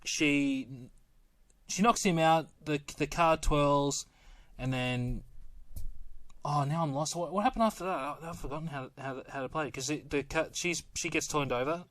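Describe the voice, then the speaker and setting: A man's voice: on the high side, normal speed, a bit bright, no room sound. A man co-hosting a podcast, chatting casually about a film, stumbling over his words and laughing through his own retelling. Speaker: podcast co-host.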